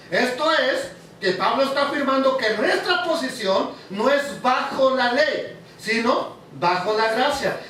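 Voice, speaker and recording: A preacher with a strikingly high voice teaches his congregation, stopping often to ask them questions. He sounds far from the mic. The hall around him rings with heavy echo. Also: fairly bright tone, a little hiss or hum. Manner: asks the audience questions. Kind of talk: teaching sermon.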